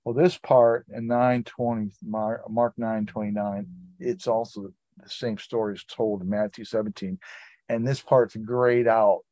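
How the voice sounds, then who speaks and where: Unhurried and level, this man's lowish, dark-toned voice comes through dry and close with no echo. He leads a Bible study in an everyday, conversational way, reading scripture aloud with side comments.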